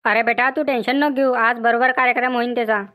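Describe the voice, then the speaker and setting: A woman's voice: a little high, fairly even intonation, fast, pushed and bright. A woman voicing a protective older village mother-in-law in a cartoon comedy, with a rural Vidarbha Marathi accent and a soothing manner. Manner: soothing, reassuring.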